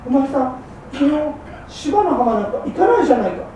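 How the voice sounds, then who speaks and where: A woman's voice: high voice, sing-song, warm tone, pitched above the performer's own voice. A woman playing a patient, shrewd fishmonger's wife who coaxes and scolds in old Edo speech. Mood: reproachful. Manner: coaxing, reproachful, brisk. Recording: roomy hall from far off, faint hum.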